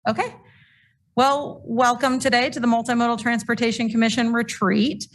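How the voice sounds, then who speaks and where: A woman informally facilitating a meeting, speaking hesitantly with frequent pauses. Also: fairly high pitch, flat delivery.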